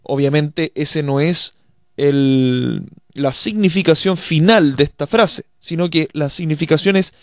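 A man's voice: on the high side, a little slow, no echo, studio quality. A man teaching a language lesson, explaining step by step in a patient way and speaking straight to his learners. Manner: addresses learners directly.

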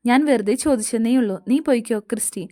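A woman's voice: on the high side, quick pace, mellow, dry recording, studio quality, lightly acted. A woman voicing a probing, wistful older sister figure in an audio story.

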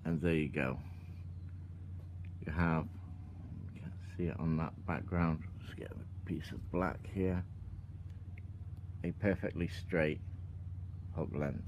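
A man with a low voice talks slowly through a hands-on tutorial, calm and instructive, describing each step as he works. He sits at a table outdoors with a camera above, and a faint outdoor hum sits behind him. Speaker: product demonstrator.

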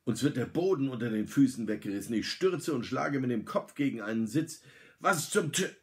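A middle-aged man reading a story aloud, lively and dramatic, lifting his voice for the characters' lines. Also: medium pitch, brisk.

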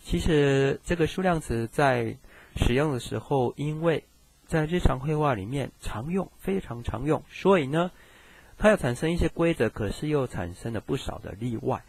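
A man's voice: mid-range voice, lively intonation, normal speed, creaky, a little mellow, husky. A man teaching Japanese grammar in a recorded screen lesson, chatty and reassuring as he speaks to students.

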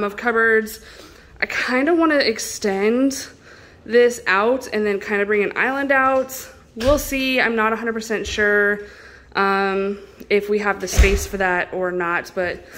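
A woman's voice: on the high side, fairly bright tone. Woman echoing in a near-empty house. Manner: chatty, with many fillers. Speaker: vlogger. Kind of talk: casual house-tour chat.

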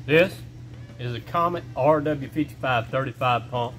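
Middle-aged man, workshop how-to, easygoing folksy delivery, mid pitch, music bed underneath. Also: normal speed, fairly bright tone. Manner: plain step-by-step talk with folksy phrasing. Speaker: shop owner showing a repair. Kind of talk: casual how-to instruction. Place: indoor workshop. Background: background music.

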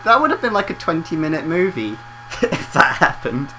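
Giggly gamer, bright lively voice. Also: mid-range voice, normal speed, a little hiss or hum, low-quality recording. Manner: giggly, sarcastic, keeps laughing mid-sentence. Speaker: let's play commentator. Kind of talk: casual gameplay commentary.

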